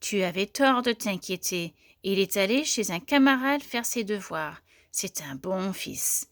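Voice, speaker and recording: A woman voicing a calm father mouse who reassures his wife slowly and steadily. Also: on the low side, no echo, clean studio sound. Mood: reassuring.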